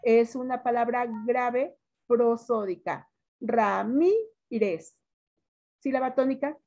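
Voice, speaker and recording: A woman teacher with a Mexican accent, giving a classroom lesson, stretching words out slowly and quizzing her students. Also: a little high, warm tone, muffled recording.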